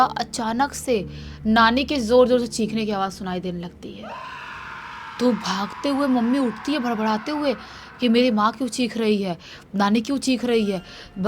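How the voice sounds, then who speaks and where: A woman telling a real-life horror story in a lively, animated way. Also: fairly high pitch, slight background noise.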